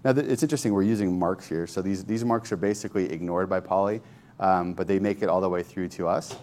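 Deep-voiced man walking through a demo. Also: quick pace, darkish tone, a little hiss or hum. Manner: thinking aloud, loose and conversational. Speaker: software developer demoing a tool. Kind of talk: informal screen-share tech demo.

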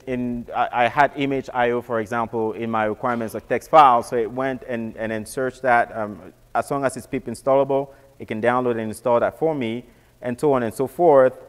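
A man's voice: medium pitch, clean tone. Man explaining tech, with hall reverb. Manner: casual, repeats words and restarts often. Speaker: presenter. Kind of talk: technical walkthrough.

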